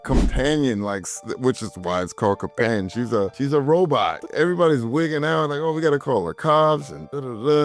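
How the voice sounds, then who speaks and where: A man co-hosting a casual film discussion, retelling scenes with animated swings for quoted reactions. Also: medium pitch. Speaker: film review co-host.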